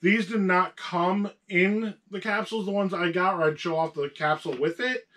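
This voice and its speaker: A man's voice: high-pitched, normal speed, a bit bright. A man with a sore throat hosting a casual show-and-tell about his toy collection, patiently talking along with a young co-host.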